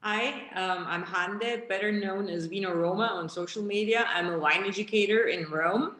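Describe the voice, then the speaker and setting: A woman from Turkey, a wine educator, talking in a lively way on a video call with a few fillers. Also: mid-range voice, moderate pace. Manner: lively, laughs easily, some fillers. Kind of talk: casual video call introduction. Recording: echoey room on a video call.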